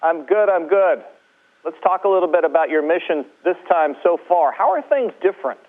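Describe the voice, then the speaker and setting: A man's voice: a little high, lively intonation, normal speed. A man working as a TV reporter, asking friendly, plain questions over a space-to-ground radio link. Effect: radio link audio. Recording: tinny phone-like radio link.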